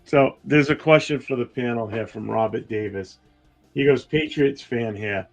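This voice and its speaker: A man hosting a casual podcast panel, talking in a relaxed, laid-back way. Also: medium pitch, moderate pace, faint music behind. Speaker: host. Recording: dull lo-fi sound.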